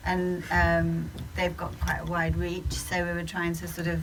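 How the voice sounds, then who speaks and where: A woman's voice: on the low side, completely flat delivery, unhurried. A woman from the UK, a film producer, talking casually and frankly at a post-screening Q&A in a screening room. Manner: casual and frank, laughing easily. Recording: distant, noisy room sound.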